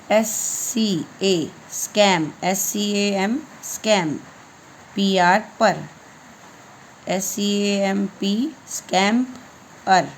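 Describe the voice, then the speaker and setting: A woman's voice: medium pitch, a little hiss or hum, poor audio. A woman teaching English reading, spelling each word letter by letter and then giving its meaning. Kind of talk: slow spelling-out reading lesson.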